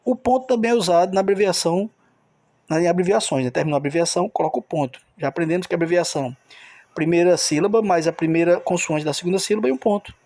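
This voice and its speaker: High, gravelly-voiced man teaching grammar. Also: fast talker, darkish tone, dry recording. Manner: explains step by step, often checks in with the listener. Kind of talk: recorded grammar lesson.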